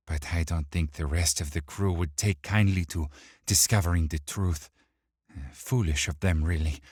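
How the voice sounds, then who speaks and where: A man's voice: lowish voice, a little mellow, husky, no echo, studio quality, pitched above the performer's own voice. A man voicing a small, wiry male thief who taunts his captive in a mocking, sing-song way and hides a psychotic rage.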